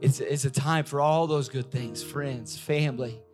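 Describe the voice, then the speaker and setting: Slow-preaching pastor, man, soft music behind. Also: fairly even intonation. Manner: slow, emphatic preaching that rises to loud, high climaxes. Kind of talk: sermon.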